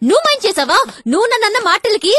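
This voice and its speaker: A woman's voice: extremely high pitch, sing-song, racing, no room sound, clean studio sound, exaggerated voice. An actress dubbing a fiery young woman who scolds her rude date fiercely. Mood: furious. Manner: sharp-tongued, fierce scolding.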